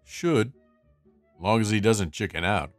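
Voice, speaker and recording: A man voicing a big, gruff but patient guard dog with a deadpan, weary manner in a comic dub. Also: on the low side, measured pace, dry recording, soft background music. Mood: stern.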